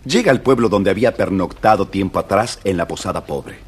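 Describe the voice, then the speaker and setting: In a husky, low-sitting voice, a man narrates a scripted children's story, dramatic and addressing young listeners directly. His delivery is animated and brisk.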